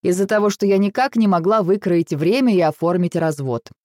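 A woman narrating a first-person story aloud in an expressive, ironic manner. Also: fairly low pitch, fairly quick, no room sound, clean studio sound.

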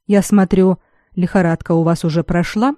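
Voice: medium pitch, fairly even intonation, normal speed, dark tone, dry recording, studio quality, close to an everyday voice. A reader voicing a proud young male lord who speaks coldly and heavily in an audiobook. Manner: cold, clipped, heavy delivery. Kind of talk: audiobook character reading.

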